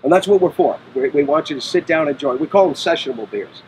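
A man's voice: fairly high pitch, lively intonation, fast, darkish tone, slight background noise, low-quality recording. A middle-aged man, a brewery owner being interviewed, explaining in a matter-of-fact way on an outdoor patio. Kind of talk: casual interview. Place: outdoor patio by a brick wall.

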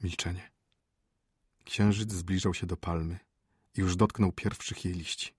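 A man narrating an audiobook story in a calm, measured storytelling manner on a close studio mic. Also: low voice, slight background noise. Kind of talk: scripted narration.

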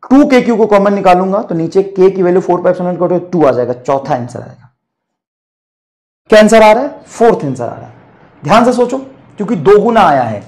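A man's voice: sits high, animated, normal speed, darkish tone. A man teaching physics in an online lecture, bluntly scolding his students.

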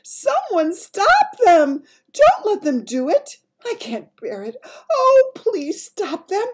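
A woman voicing a queen shouting in panic from a nightmare, shrill and blurred with sleep. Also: huge pitch swings, slow pace, full character voice. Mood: panicked.

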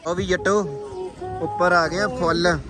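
An excitable man with an Indian Punjabi accent, chatting casually and exclaiming often as he vlogs outdoors. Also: high-pitched, a little slow, music in the background. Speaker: travel vlogger. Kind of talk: casual vlog chat. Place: outdoors on a windy mountain trip. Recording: noisy outdoor location audio.

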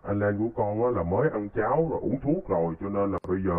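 A man's voice: on the low side, expressive, quick pace. A man voicing an elderly male village chief who is fretful, scolding and protective, in casual game role-play. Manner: scolding yet caring. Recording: tinny phone-like line.

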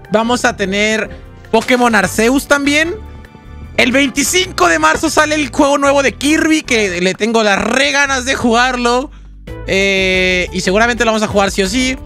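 A young man giving chatty, excitable gameplay commentary to his viewers. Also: very high-pitched. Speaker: gaming youtuber.

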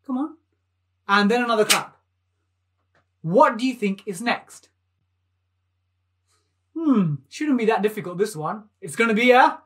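A man in his thirties leads a live maths lesson for young children. He talks with bright enthusiasm, coaxing the kids to clap and jump along. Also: high voice, a little hiss or hum. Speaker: maths teacher hosting a live online lesson.

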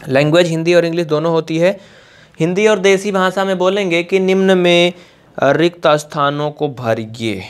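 A man's voice: on the high side, smooth. Chatty, coaxing male maths teacher. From India. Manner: chatty, coaxing, repeats points slowly; mixes English textbook terms into explanations. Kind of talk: online video lesson.

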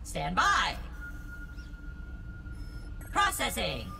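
Glitching robot, computer processing. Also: female voice, fairly low pitch, huge pitch swings, drawn-out words, gravelly, sharp tone, full character voice. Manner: cheerful, formal, stilted robot phrasing. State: computer processing, reading out error codes. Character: chirpy helpful lab robot, glitching. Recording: game audio with music behind.

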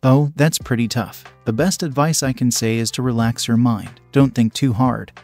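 A man's voice: mid-range voice, moderate pace, darkish tone, soft background music, close to an everyday voice. A man reading as a grumpy hot-headed teen boy. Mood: grumbling.

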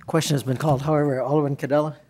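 A man chairing a city council meeting as mayor, moving through motions and votes in a brisk procedural manner. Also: fairly high pitch, flat delivery, darkish tone, slight background noise. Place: council chamber, indoors.

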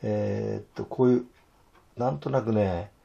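A hoarse man teaching fountain pen illustration, talking to himself in halting asides as he draws. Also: fairly low pitch, fairly even intonation, mellow, muffled recording. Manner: talks to himself while drawing, halting, murmured asides. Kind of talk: casual drawing tutorial.

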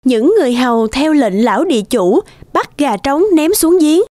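A woman narrating a cartoon fairy tale in a clear storybook manner. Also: high voice, expressive, moderate pace, warm tone, slight background noise. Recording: narration with music behind.

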